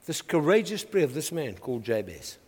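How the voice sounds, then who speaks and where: South African pastor, high voice, energetic sermon, lots of amens, reverberant church hall. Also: male voice, a little fast, breathy edge. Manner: energetic, call-and-response, frequent "Amen".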